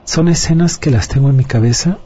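A man's voice: mid-range voice, a little fast, warm tone, breathy edge. A man giving an earnest personal testimony as an interview guest. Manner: earnest, confiding storyteller. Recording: dull lo-fi audio, faint music.

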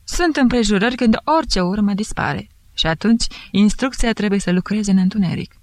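A woman's voice: medium pitch, dry recording, pitched above the performer's own voice, close to an everyday voice. A woman doing a bantering, teasing judge. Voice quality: thick voice. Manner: bantering, mocking. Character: jovial teasing male investigating judge.

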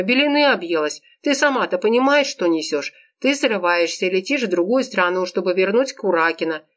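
A woman's voice: medium pitch, close to an everyday voice. A woman reading an audiobook, voicing a bossy, sarcastic young woman who scolds her friend. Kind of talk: audiobook character voice.

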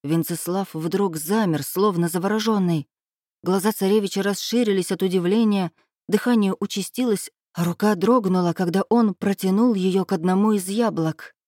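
A woman reading a first-person story aloud as an audiobook narrator, even and measured. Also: mid-range voice, no room sound, studio quality.

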